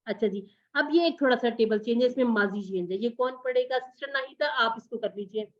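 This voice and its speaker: High-voiced woman teaching on a lo-fi call. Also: a little fast. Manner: patient, corrects students gently. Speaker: Quran Arabic teacher. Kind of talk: online class teaching.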